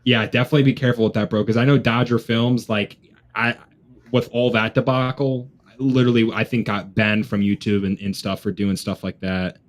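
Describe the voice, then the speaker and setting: A man's voice: fairly low pitch, steady tone, moderate pace. A young man hosting a sports watch party, chatting casually like a frat bro with lots of bro and dude. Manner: frat-bro slang, constantly says bro and dude. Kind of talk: casual live stream chat.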